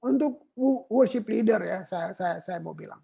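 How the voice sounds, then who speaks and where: Creaky, husky woman preaching. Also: medium pitch, moderate pace, lo-fi sound. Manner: emphatic, animated, mixes in English terms. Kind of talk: sermon on worship.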